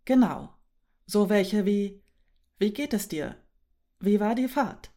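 A woman voicing a cheerful, talkative female housemate with a somewhat angular voice, read softly in a German audiobook. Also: mid-range voice, expressive, slow. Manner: talkative, direct.

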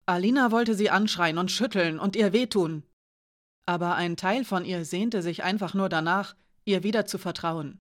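A woman narrating a novel as an audiobook, in a measured, expressive reading. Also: fairly low pitch.

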